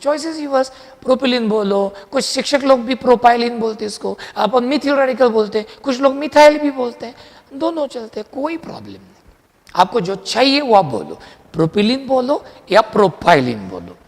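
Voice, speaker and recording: A man teaching a chemistry lecture in a lively, chatty way, quizzing his students as he goes. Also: very high voice, normal speed, vocal fry, in a large hall. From India. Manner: lively, chatty, mixes Hindi with English terms, quizzes students. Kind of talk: classroom lecture.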